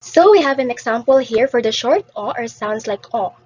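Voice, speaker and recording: A woman's voice: fairly high pitch, animated, normal speed, a little mellow, husky, highs cut off. A woman teaching an English vowel lesson to beginners, patiently repeating each word for the class to copy.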